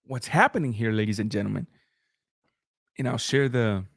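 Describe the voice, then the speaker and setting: In a low-ish, creaky and slightly rough voice at normal speed, a middle-aged boxing channel host whose native language is Spanish gives live-stream commentary and reads super chats. His talk is loose and conversational, with restarts and filler sounds. Clean studio sound, no echo.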